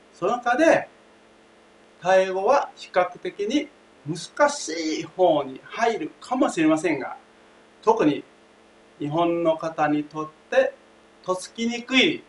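A man's voice: on the high side, fairly bright tone. A man teaching a language lesson, speaking emphatically, repeating key phrases and often addressing the class directly. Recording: roomy, distant mic, faint hiss.

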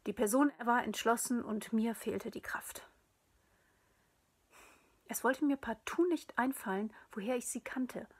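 A woman reading a story aloud in a quiet, often whispered narration. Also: on the high side, slightly rough.

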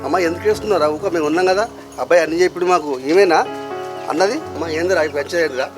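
A man's voice: on the high side, racing, lightly acted. A man playing a stern village elder. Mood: scolding. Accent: Telangana Telugu. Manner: scolding, interrogating. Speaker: village elder mediating a dispute. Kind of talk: village short film acting. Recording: mic far off, music behind.

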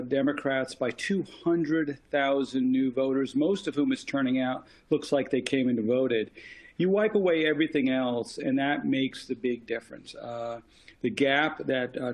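A man speaking as a panelist in an online discussion, giving emphatic, rapid-fire political analysis over a video call. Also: mid-range voice, low-quality recording.

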